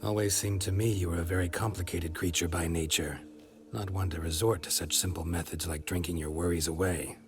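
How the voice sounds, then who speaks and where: A man voices a gruff, tired hunter of monsters in a game, with a very deep voice and terse, muttered delivery. Clear music plays under his lines. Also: fairly even intonation, a little fast, natural voice. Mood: weary. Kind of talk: video game dialogue.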